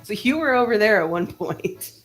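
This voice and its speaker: A woman's voice: medium pitch, lively intonation, moderate pace. A woman narrating a tabletop role-playing game as game master, in casual, descriptive speech.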